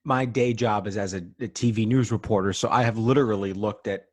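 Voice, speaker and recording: A man's voice: fairly low pitch, steady tone, a little fast, no echo. A man hosting an interview podcast who works as a TV news reporter, asking conversational questions with some restarts.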